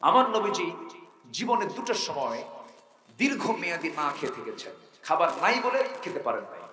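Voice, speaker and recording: A fairly high-voiced male preacher delivering an impassioned sermon. He swings from ringing, raised cries to low, hushed storytelling. The sound is roomy and echoey. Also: sing-song, moderate pace, distant mic, slight background noise. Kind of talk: Bengali waz sermon.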